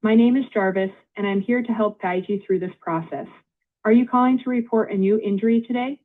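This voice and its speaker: A woman's automated phone voice acting as an intake agent, polite and measured, reading back details in scripted prompts. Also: mid-range voice. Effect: automated phone-line voice. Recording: tinny phone line.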